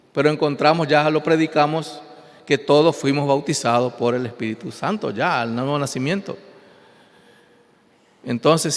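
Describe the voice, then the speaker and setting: A pastor preaching an emphatic sermon, his voice rising and falling. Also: fairly high pitch. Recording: long hall reverb.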